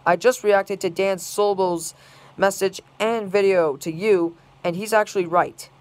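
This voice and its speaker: Angry online scolder, smooth clear tone, repetitive run-on complaints. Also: medium pitch, fairly even intonation, a little slow. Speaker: video maker.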